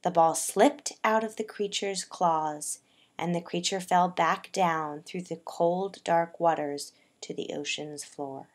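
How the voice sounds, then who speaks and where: Telling a poetic tale for a puppet show, a woman with a lowish voice keeps a measured, deliberate storytelling pace. Her phrases soften as they end.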